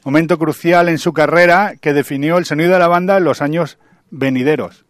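Chatty radio host, dry mic. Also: male voice, a little high, fairly even intonation, a little fast, no echo. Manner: chatty, trails off and restarts, tags phrases with "¿eh?". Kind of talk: casual radio chat about rock records.

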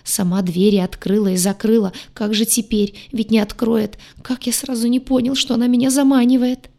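A woman's voice: mid-range voice, a little slow, a little mellow, pitched above the performer's own voice, lightly acted. A woman voicing a huge, nervous horned male demon who pleads in panicky, stammering bursts, raised above her own voice. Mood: panicked.

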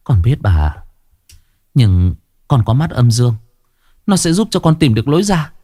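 A man's voice: medium pitch, big pitch swings, unhurried, a little mellow, no echo, clean studio sound, pitched above the performer's own voice. A man voicing a frightened but stubborn young village girl who talks in an urgent, pleading way, in a storybook horror tale.

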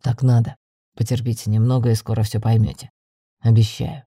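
An audiobook half-dragon man, young and possessive, who talks low and insistent, as a woman acts him out. His voice sits deep and mellow, with a husky edge. It is a dry, close recording. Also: level tone, a little fast, dry recording. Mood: urgent. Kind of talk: audiobook narration.

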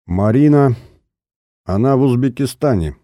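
A man's voice: medium pitch, lively intonation, unhurried, warm tone, dry recording, clean studio sound, pitched above the performer's own voice, lightly acted. A man voicing a prim, flustered retired secret-service officer in his old age who ends up pleading. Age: older. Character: old retired male spy officer, prim then frightened.

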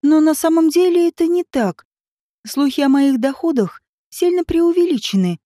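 A woman's voice: sits high, lively intonation, normal speed, warm tone, no room sound, clean studio sound. A woman doing a timid, flustered writer lady. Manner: hesitant, apologetic.

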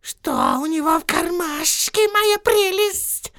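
A man voicing a wretched male creature who shrieks and hisses in a high, strained, drawn-out voice. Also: vocal fry, pushed and bright, no room sound, clean studio sound, full character voice. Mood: suspicious. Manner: shrieking and hissing, drawn-out words. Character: wretched creature male, shrill, hissing, whining.

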